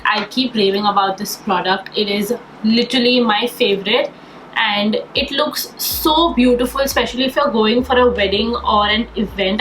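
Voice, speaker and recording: A fairly high, somewhat bright voice belongs to a young beauty vlogger who's slightly nasal with a cold. She chats with enthusiasm through a casual get-ready-with-me makeup tutorial, recorded in an echoey space with faint background noise.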